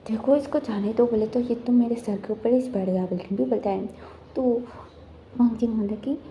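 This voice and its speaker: A woman's voice: fairly high pitch, vocal fry, dark tone, slight background noise. A woman retelling a fan fiction story in a casual, rambling way, looping back on the same stock phrases.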